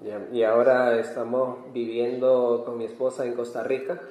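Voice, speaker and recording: A man from Peru, a missionary, preaching calmly in short phrases and pausing for his interpreter in a church. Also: medium pitch. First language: Spanish. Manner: calm, measured, pausing for translation. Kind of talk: sermon with interpreter. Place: church hall. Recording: echoey church hall.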